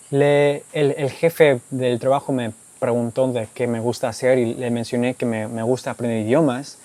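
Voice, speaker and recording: A YouTuber with a warm, medium-pitched voice responds to viewer questions in an easygoing monologue, speaking Spanish as a learned second language. His explanations are peppered with tag questions like "¿ok?" and "¿verdad?", and the recording carries no room sound.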